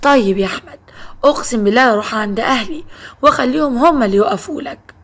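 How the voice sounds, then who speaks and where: A woman's voice: a little high, fast, fairly bright tone. A woman voicing a wronged young wife with an Egyptian accent who pleads and complains. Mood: hurt.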